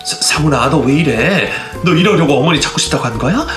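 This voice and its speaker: A man acts out a worried middle-aged stepmother who scolds her son gently. The voice is high and bright. The room is echoey, with faint music behind. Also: lively intonation, a little fast. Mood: reproachful. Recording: roomy echo, faint background music.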